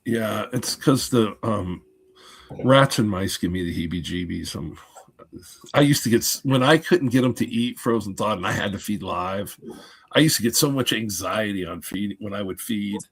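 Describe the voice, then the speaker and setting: A husky man in his forties talks at a normal speed with a fairly low pitch during a casual podcast chat over a video call. Enthusiastic and talkative, he gets animated about snake genetics.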